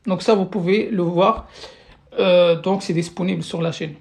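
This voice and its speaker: This language teacher's voice is mid-range, steady, gravelly, and darkish, moving at a moderate pace through a live-streamed lesson. Explanations go patiently step by step, with check-ins for viewers and frequent restarts and repeated words. It was recorded away from the mic, giving a roomy sound.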